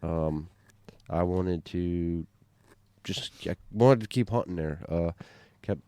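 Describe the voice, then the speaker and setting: A man's voice: deep voice, slow, mellow, clean tone, dry recording. A man in casual podcast chat, telling a story in a rambling way with lots of fillers and restarts. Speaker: bowhunter on a hunting podcast.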